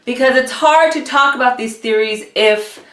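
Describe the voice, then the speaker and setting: A woman's voice: on the high side, moderate pace, fairly bright tone, reverberant. A young woman hosting her channel, chatty and bubbly, sounding stuffy and nasal from a cold. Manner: bubbly, chatty, laughs often. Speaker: channel host. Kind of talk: casual vlog commentary.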